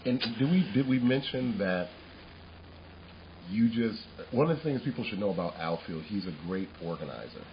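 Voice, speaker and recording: A man co-hosting a casual podcast chat, animated and laughing often, restarting his sentences as he goes. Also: fairly low pitch, normal speed, muffled recording, slight background noise. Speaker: podcast co-host.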